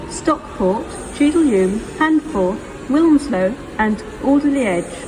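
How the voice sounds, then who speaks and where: Slow female station PA announcer. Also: on the high side. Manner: measured, formal, item-by-item listing. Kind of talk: pre-recorded public address announcement, like an airport announcement. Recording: noisy station PA with vehicle ambience. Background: train station ambience, vehicles.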